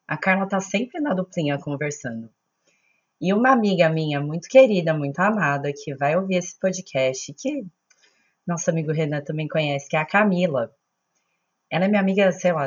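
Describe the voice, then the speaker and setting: Low-voiced Brazilian Portuguese woman, chatty. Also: dull audio. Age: 30s. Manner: chatty, informal, self-mocking. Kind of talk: casual podcast storytelling.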